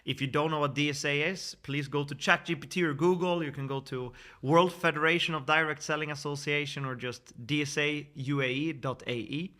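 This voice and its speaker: A man's voice: fairly high pitch, steady tone, fairly quick, few pauses, pushed and bright. A man in his thirties from Sweden, giving an earnest, persuasive screen-share sales presentation with frequent fillers and restarts. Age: 30s. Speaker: network marketing presenter.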